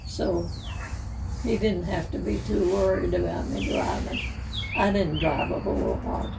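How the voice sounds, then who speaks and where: Very old woman, very slow and halting. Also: lowish voice, creaky. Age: 105, very old. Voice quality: aged, elderly voice. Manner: halting, in short broken phrases. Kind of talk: unscripted reminiscing about the old days. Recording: distant mic, noisy, birdsong behind.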